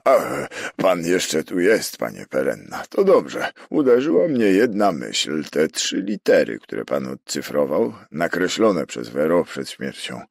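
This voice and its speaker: A man voicing an agitated police prefect who talks loudly and presses his point, in an audiobook reading. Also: very deep voice, wildly swooping pitch, unhurried, creaky, dry recording, clean studio sound, full character voice. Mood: urgent.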